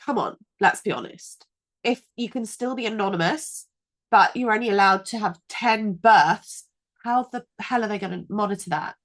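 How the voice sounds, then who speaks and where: A woman in her thirties co-hosting a podcast in casual chat, animated and quick to swear when indignant. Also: medium pitch. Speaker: podcast co-host.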